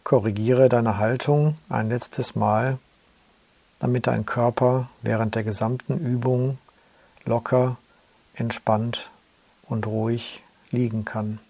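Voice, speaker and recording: A man slowly guiding a yoga nidra relaxation in a calm, soothing way. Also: mid-range voice, gravelly, no room sound. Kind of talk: guided relaxation instructions.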